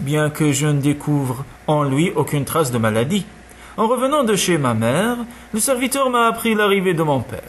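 A man narrating an audiobook in a measured, expressive way. His voice sits a little high for a man and rises and falls freely. Faint noise hums under the reading. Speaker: audiobook reader. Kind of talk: scripted narration.

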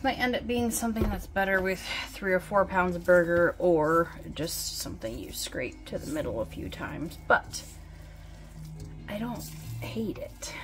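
A woman's voice: on the low side, a little slow. A woman casually talking through her cooking in a home kitchen, thinking aloud as she works. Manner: relaxed, thinking aloud while working. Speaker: home cook vlogger. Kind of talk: casual cook-with-me narration. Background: loud background music.

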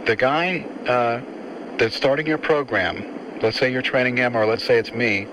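A man's voice: medium pitch, normal speed. A man interviewing, asking his questions in a casual, hesitant way, on an old cassette recording. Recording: old cassette tape with background hiss.

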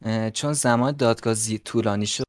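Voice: mid-range voice, slight background noise. A player acting as judge in a game role-play, talking hesitantly with many fillers. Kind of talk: casual gaming chat.

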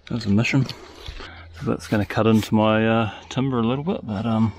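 Gravelly bloke talking through milling a log, low voice, bit of outdoor noise. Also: male voice, normal speed. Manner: relaxed, thinking aloud with restarts. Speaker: sawmill operator. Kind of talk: casual first-person narration. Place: outdoor sawmill yard. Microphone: head-mounted action camera.

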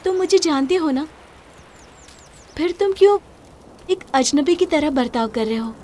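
A woman's voice: high-pitched, expressive, normal speed, warm tone, slight background noise. An actress dubbing a playful, impulsive young woman in a romantic film, coaxing and apologetic. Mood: earnest. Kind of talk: Hindi film dub.

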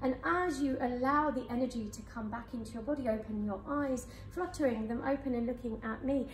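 Woman hypnotist talking folks down slow and soothing, big echoey conference room, faint hum. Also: on the high side, distant mic. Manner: slow soothing suggestions with counting. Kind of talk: guided hypnosis session. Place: conference room with live audience. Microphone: far camera.

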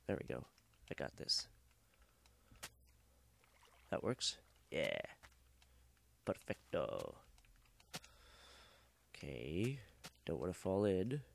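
Low, gravelly and extremely slow, this young man's voice swings hugely in pitch and pauses often, with slight background noise. Sick and coughing, he gives rambling, joking let's-play commentary, swearing freely and fixing his sentences as he goes.

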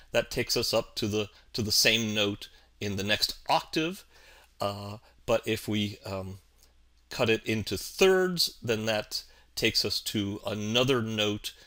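A man narrating a video tutorial, slow and halting, with many ums and uhs. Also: fairly low pitch, bright, forceful tone. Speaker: animation physics teacher.

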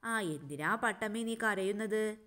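A woman's voice: mid-range voice, unhurried, fairly bright tone, lightly acted. A woman reading as a kind young parrot girl. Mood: caring.

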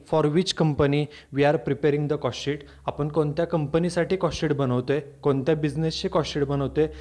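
A man lecturing on accounting with a Marathi accent, explaining each step slowly and repeating points in English and Marathi. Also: on the high side, darkish tone. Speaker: commerce lecturer. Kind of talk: recorded lecture.

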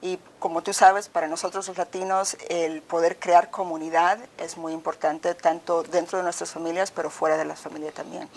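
Measured woman from El Salvador, interviewed. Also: lowish voice, level tone, vocal fry. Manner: measured, articulate. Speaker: university provost. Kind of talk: formal interview answers. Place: office with bookshelves, indoors. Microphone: lapel.

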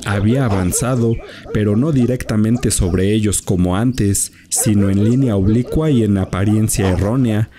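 A man reading a literary short story aloud as a measured audiobook narrator. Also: fairly low pitch, dark tone.

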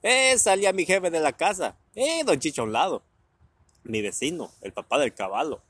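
A Mexican man from Guerrero spins casual family anecdotes, laughing often and peppering his talk with crude slang. His voice is slightly husky and his pitch leaps around as he acts out the people in his stories. The sound is close and dry. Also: animated, normal speed, a bit bright, no echo. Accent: Mexican Spanish. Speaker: vlogger telling family anecdotes. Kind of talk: casual storytelling.

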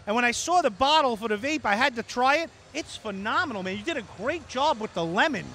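A man's voice: very high-pitched, animated, fast, pushed and bright. A middle-aged man with a Brooklyn accent hosting casual trade show interviews in a brash, chummy, emphatic way. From New York. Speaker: show host and reviewer. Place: trade show floor booth indoors. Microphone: handheld microphone. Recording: noisy convention hall.

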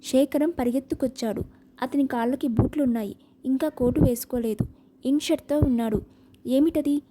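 A woman narrating an audiobook novel with a steady, expressive reading. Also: high voice, a little fast, background noise.

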